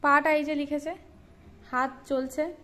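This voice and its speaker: A young woman with a high voice speaks casually to her child. She teases, coaxes and scolds lightly, in a warm and playful way. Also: flat delivery, a little slow, a little hiss or hum. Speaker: mother filming her child. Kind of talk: casual family chat with a child.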